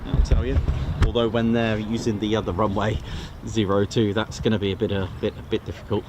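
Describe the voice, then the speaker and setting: A man's voice: lowish voice, flat delivery, brisk. An English man casually commenting and explaining aircraft on a livestream outdoors by an airfield, with fillers as he talks. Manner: chatty, explains aviation details with fillers. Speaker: plane-spotting livestream host. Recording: outdoor field recording with loud aircraft noise.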